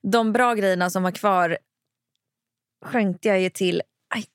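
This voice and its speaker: A woman co-hosting a casual chat, telling stories animatedly and swearing freely, acting out her children's shouts. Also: medium pitch, noisy background. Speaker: podcast co-host, mother of young children.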